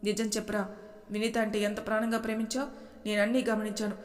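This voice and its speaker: A woman's voice: medium pitch, flat delivery, quick pace, natural voice. Woman doing a worried middle-aged mother, anxious, pleading, level tone, echoey room.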